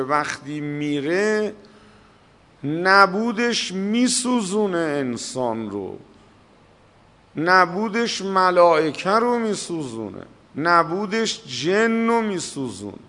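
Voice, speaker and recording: Emphatic preacher, bright voice in a hall. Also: male voice, high voice, very animated. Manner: slow, emphatic preaching with drawn-out stressed words. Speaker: cleric. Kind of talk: religious sermon.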